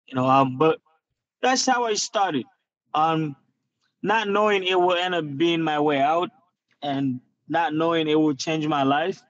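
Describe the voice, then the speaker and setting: Earnest young man talking from a car. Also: a little high. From Nigeria. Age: 20s. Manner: earnest, reflective, many fillers. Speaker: guest fighter. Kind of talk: casual interview talk. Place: in a parked car. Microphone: phone camera on video call. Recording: dull lo-fi video call audio.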